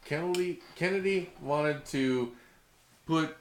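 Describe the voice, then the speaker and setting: A man's voice: fairly high pitch, slow. Guy ranting politics casually, swears a ton, super opinionated, echoey room w some noise. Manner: crude, profane, opinionated ranting. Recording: echoey room, noisy background, clicks.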